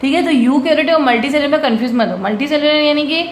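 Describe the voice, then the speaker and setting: A woman's voice: high-pitched, rapid-fire. A young adult woman teaches a biology lesson, mixing in English terms, explaining step by step and often checking that students follow. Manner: has students repeat terms after her. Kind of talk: bilingual classroom lecture. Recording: echoey room with faint background noise.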